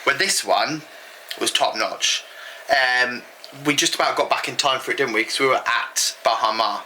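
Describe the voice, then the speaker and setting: Bright-voiced British man chatting. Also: mid-range voice, moderate pace, slight background noise, low-quality recording. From United Kingdom. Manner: rambling, frequent ums. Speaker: vlog co-host. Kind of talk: casual chat.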